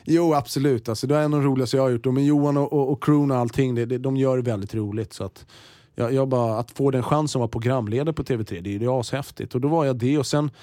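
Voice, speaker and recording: A man's voice: medium pitch, dry recording. A man in his forties chats through an interview, rattling off stories with plenty of swearing and restarts. His voice sits in a middling register. The recording is dry and close, with no room sound. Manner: lively storyteller, swears freely, frequent restarts. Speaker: TV host and interviewee. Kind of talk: casual interview chat.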